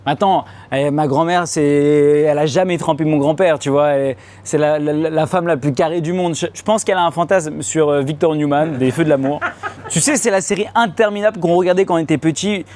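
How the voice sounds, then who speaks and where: A young man from France performing a stand-up comedy set on a club stage, slangy and animated, talking straight to the crowd and acting out loud high-pitched outbursts. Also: a little fast, slight background noise. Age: young adult. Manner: slangy casual French, addresses audience directly. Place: comedy club stage before a live audience.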